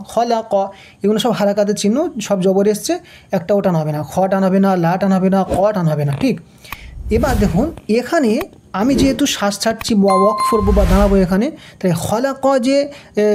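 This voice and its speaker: Female Quran tutor, Bangladeshi Bengali accent, warm mellow tone, patient drill-style lesson with rhetorical questions. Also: mid-range voice. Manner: patient, repeats syllables slowly, asks and answers own questions. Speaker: Quran reading teacher. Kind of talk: step-by-step recitation lesson.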